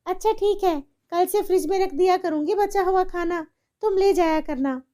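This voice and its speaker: A demanding, strict rich woman from a cartoon story, acted by a woman, giving orders in a bossy way. The voice is very high-pitched yet soft-toned. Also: moderate pace. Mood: calm. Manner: scolding, bossy.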